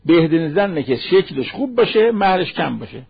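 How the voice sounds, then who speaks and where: A man with a husky voice pitched high preaches a sermon. He drops into a slow recitation for Arabic verses and fires off rhetorical questions. The sound is dull and lo-fi, like an old radio broadcast. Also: very animated. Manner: rhetorical questions, acts out imagined speakers. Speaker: cleric. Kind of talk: sermon on marriage.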